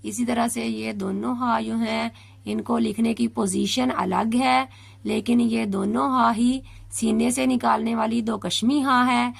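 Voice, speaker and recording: Patient woman teacher with a gravelly voice. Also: on the high side, steady tone. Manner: patient, drawn-out demonstration of each sound. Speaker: Quran reading teacher. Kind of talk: beginner Tajweed lesson, spelling out syllables.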